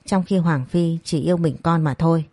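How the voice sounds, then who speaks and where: A woman's voice: deep voice, moderate pace, dark tone, no room sound. A woman voicing a spoiled, defiant young woman who sneers at her family, in a storybook reading.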